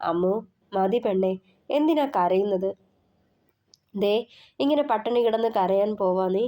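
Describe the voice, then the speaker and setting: A woman voicing a caring young man who coaxes and gently teases his partner in an audio story. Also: medium pitch, animated, a little slow, natural voice. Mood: coaxing. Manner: coaxing, gently teasing.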